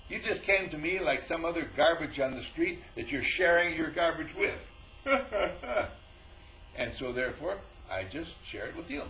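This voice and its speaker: A man gives an informal spiritual talk as a teacher, an animated storyteller who acts out both sides of conversations and chuckles often. His voice is on the high side at a moderate pace, in a rough recording with slight background noise.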